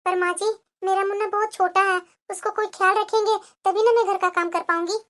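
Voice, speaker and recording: A woman voicing a meek, tired young daughter-in-law in a cartoon, speaking softly and pleadingly. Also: very high voice, fairly even intonation, a little fast. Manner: soft, pleading, subdued. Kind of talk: cartoon voice acting.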